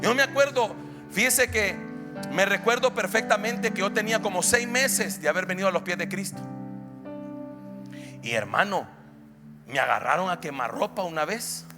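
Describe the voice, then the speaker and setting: A man with a Salvadoran accent preaching a sermon as an apostle, folksy and animated, acting out the voices of people he quotes and building to loud, emphatic preaching. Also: high voice, normal speed, pauses often. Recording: church hall reverb with faint music.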